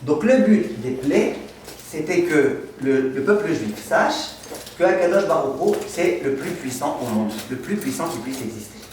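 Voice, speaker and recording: A man teaching a lively, humorous class as a rabbi, asking the students questions and answering them himself as he tells anecdotes. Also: fairly high pitch, normal speed, slight background noise. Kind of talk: lively Torah lesson with humor. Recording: echoey room, mic far off.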